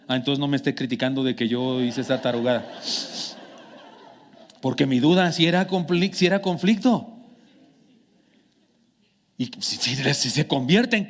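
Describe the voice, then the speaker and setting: A man with a Mexican accent preaching a sermon as a pastor, telling stories in a conversational way that swings from hushed to emphatic. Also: medium pitch. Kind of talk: sermon with personal storytelling. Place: church sanctuary. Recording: long church hall reverb.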